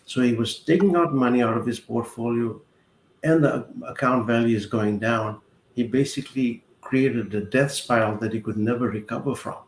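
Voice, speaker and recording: A man in his sixties from South Africa, a guest accountant explaining finances in a measured way, walking through worked examples. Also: medium pitch. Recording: roomy echo with faint ambient noise.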